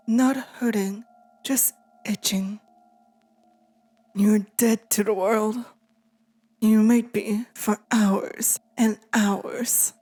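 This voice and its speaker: In an intimate ASMR roleplay, a woman plays a possessive, taunting female demon, addressing the listener in a teasing, menacing way. Her voice is mid-range and mellow.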